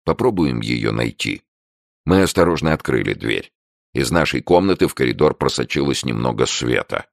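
A man narrating a first-person crime story as an audiobook, in a measured, dry storytelling manner. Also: rumbling low, lively intonation, vocal fry, no echo.

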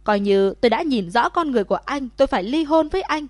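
Emotional young wife voiced by a woman, high calls, dry sound. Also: animated, normal speed, darkish tone, dry recording, close to an everyday voice. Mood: angry. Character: young wife, frightened then scolding.

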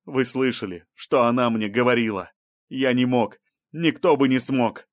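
A man's voice: medium pitch, normal speed, no room sound, close to an everyday voice. Narrator doing a male scientist on trial, protesting, pleading, dry close audiobook sound.

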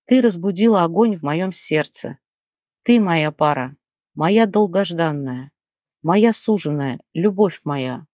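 An ardent young man in love, speaking soft words of devotion, as the audiobook reader plays him. The recording is close and dry, with a dull edge. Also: medium pitch, animated, slow, no room sound. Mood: tender. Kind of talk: audiobook character reading.

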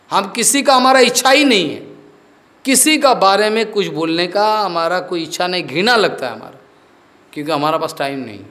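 A man's voice: sits high, a bit bright. A spiritual teacher gives a sermon, scolding his listeners and repeating his warnings with rhetorical questions. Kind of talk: Hindi sermon on scripture.

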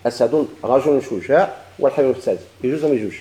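A man's voice: medium pitch, very fast, dark tone, roomy sound, poor audio. A man with a Moroccan Arabic accent teaching a grammar lesson, asking questions and answering them himself with repeated examples.

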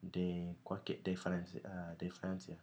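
A man with an American accent whose voice sits low and whose speech moves slowly. He is a native English speaker who keeps stopping to search for the right words in casual conversation. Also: completely flat delivery, mellow, highs cut off. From United States. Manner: hesitant, searching for words as a learner. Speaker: podcast co-host.

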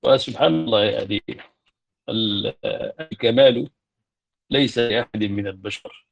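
A man teaching Arabic grammar in a classroom lecture, explaining step by step with hesitant fillers and self-corrections, and reciting verses in a slower chant. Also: on the low side, creaky. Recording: dull lo-fi lecture recording.

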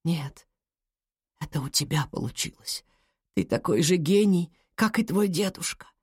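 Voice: medium pitch, lively intonation, normal speed, breathy edge, no echo, clean studio sound. A storybook narrator voicing a boy magical being just freed from an enchanted ball, formal and grateful in speech. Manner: weak then grateful, formal.

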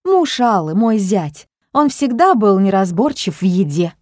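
A woman's voice: medium pitch, very animated, measured pace, darkish tone, dry recording, studio quality. A woman voicing a fussy, theatrical older grandmother who gasps and makes odd pronouncements, in a storybook reading. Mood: plaintive. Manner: dramatic, gasping, fond of odd pronouncements.

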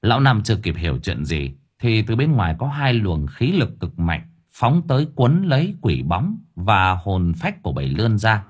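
A man narrating a ghost story audiobook in a vivid, expressive way. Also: fairly low pitch, normal speed, hardly any pauses, husky.

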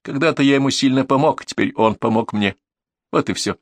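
A man's voice: mid-range voice, dry recording, clean studio sound, pitched above the performer's own voice, natural voice. Man playing a cool-headed police detective. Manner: composed, unhurried reasoning.

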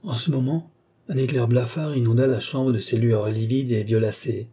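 Male audiobook narrator, very dark and husky voice, steady dramatic reading. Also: mid-range voice, moderate pace. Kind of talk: scripted narration of a classic novel.

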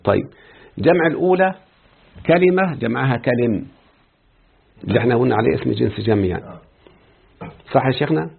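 A man's voice: mid-range voice, expressive, fairly quick, vocal fry, long pauses, breathy edge. A man with an Egyptian Arabic accent teaching Arabic grammar in a classroom lecture, explaining step by step, repeating terms and putting questions to his students. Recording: tinny phone-like lecture recording.

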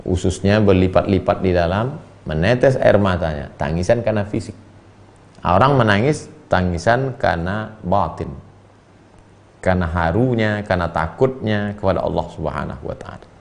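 A man preaching and teaching from a classical text. He reads Arabic phrases, explains them slowly and acts out the people in his stories with sudden high-pitched voices. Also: creaky. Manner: animated storyteller, voicing characters with sharp pitch jumps.

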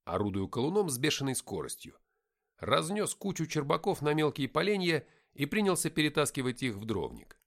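Lively male audiobook narrator. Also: a little high, fairly quick. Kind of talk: first-person audiobook narration.

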